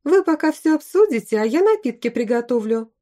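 A woman's voice: high-pitched, sing-song, brisk, warm tone, pitched above the performer's own voice. A woman voicing a young pregnant wife who chatters nonstop and protects her husband. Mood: welcoming.

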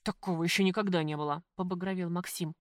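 A woman's voice: fairly low pitch, steady tone, fast talker, no echo, studio quality, natural voice. A woman voicing a frightened, indignant male restaurant worker. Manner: agitated, indignant.

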